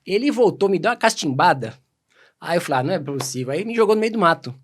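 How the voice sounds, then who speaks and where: Fast-talking animated Brazilian man. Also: high voice, slight background noise. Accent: Brazilian Portuguese. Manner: animated, quick anecdotes full of quoted dialogue. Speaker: podcast guest. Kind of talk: casual storytelling.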